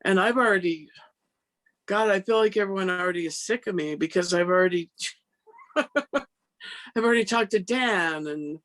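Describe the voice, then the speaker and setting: A woman's voice: mid-range voice, moderate pace, pauses often, fairly bright tone. A woman hosting a casual conversation on a video call, chatty and full of fillers. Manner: chatty, lots of "like" and "you know". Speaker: host. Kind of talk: conversational interview.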